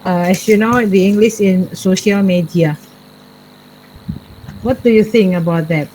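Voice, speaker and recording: A woman lecturer leading a class discussion, pausing often with fillers. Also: medium pitch, dark tone, slight background noise, poor audio. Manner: slow, pausing with frequent fillers.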